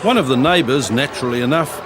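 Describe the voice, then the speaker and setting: Wry male Kiwi TV narrator, mid-pitched. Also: expressive, fast. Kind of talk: scripted documentary TV narration. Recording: voice-over over noisy street sound.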